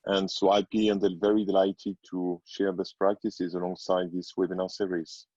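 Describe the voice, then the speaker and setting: A man's voice: deep voice, level tone, moderate pace, warm tone, no echo. A man, a company CEO, introducing himself hesitantly and politely on a webinar over dull, lo-fi call audio.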